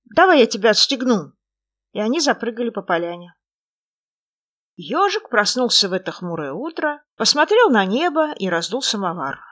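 A woman narrating a children's fairy tale with expressive, lively storytelling. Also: mid-range voice, normal speed.

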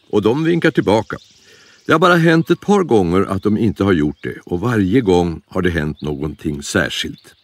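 Male storybook narrator, animated delivery, dry close sound. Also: fairly low pitch, no echo. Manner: animated, expressive.

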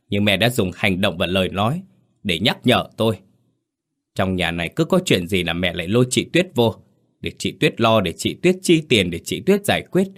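A man playing a cold, scheming young blackmailer. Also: low voice. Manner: curt, cold, quick and resentful.

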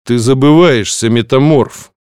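A man voicing a commanding male snow demon rector in an audiobook, soft and coaxing yet imperious. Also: on the low side, normal speed, no echo, studio quality, lightly acted. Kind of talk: audiobook reading.

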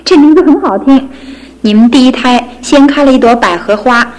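An actress as a midwife in a radio play. Her voice sits a little high. She speaks courteously, with flattering, congratulatory politeness. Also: normal speed, natural voice, poor audio. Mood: cheerful. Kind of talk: radio drama acting.

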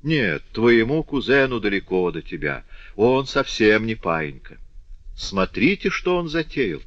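A man's voice: on the low side, big pitch swings, unhurried, fairly bright tone, dry recording, lo-fi sound, voice pushed up, full character voice. A man voicing a prim, inquisitive old spinster aunt who fusses and coaxes. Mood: coaxing. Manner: fussing, coaxing and exclaiming.

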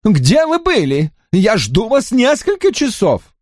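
A shrill, whining cowardly dandy. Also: male voice, huge pitch swings, takes it slowly, darkish tone, no echo, studio quality, full character voice. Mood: peevish. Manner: high-pitched, shrill, pleading. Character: whiny panicky dandy gentleman, cowardly.

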